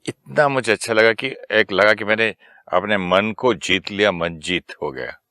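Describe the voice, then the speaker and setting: A man's voice: fairly low pitch, normal speed, pushed and bright, no room sound, clean studio sound. A man in casual conversation, telling a personal story and acting out the dialogue, with English phrases mixed in. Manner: anecdotal, mixes English phrases, acts out quoted dialogue. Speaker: guest sharing a personal story.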